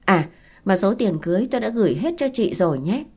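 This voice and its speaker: A woman voicing a brisk, persuasive middle-aged woman arranging a paid marriage. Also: medium pitch, sing-song, warm tone, slightly rough.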